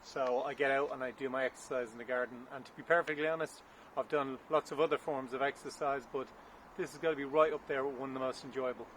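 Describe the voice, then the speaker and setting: Out of breath while digging outdoors, a gardening vlogger rambles and thinks aloud to a camera on a stand, his mid-pitched, fairly bright voice steady and quick. He drops unsure asides in his chatty narration as light wind and traffic sound behind him.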